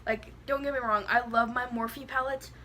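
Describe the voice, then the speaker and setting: Bright, high-voiced woman with a slushy lisp. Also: fairly even intonation, moderate pace, slight background noise. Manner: blunt, rambling, heavy use of "like". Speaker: beauty product reviewer. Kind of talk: casual product review chat.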